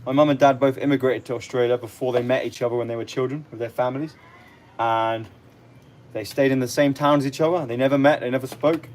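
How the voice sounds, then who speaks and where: A young livestream host with a London-area English accent, from near London, replies to comments in a relaxed, casual way. His medium-pitched voice is a little mellow, with fairly even intonation and a quick pace. There's clear ambient noise on the live stream.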